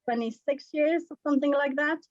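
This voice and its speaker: A woman's voice: high-pitched, brisk, no room sound, lo-fi sound. A woman from Slovakia with a Slovak accent, a workshop presenter answering questions in an earnest, encouraging way. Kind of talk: answering questions in an online meeting.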